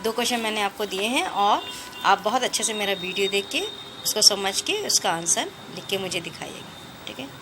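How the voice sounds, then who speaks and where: A woman's voice: medium pitch, expressive, brisk, background noise. A woman teaching young pupils in an online lesson, patiently explaining step by step and addressing them fondly. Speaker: school teacher.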